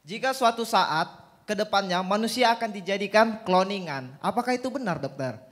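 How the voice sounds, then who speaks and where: A man's voice: sits high, lively intonation, normal speed, long reverb tail, noisy background. A young man, a student, asking a doctor a question in a hesitant, polite way with nervous laughs. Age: young adult.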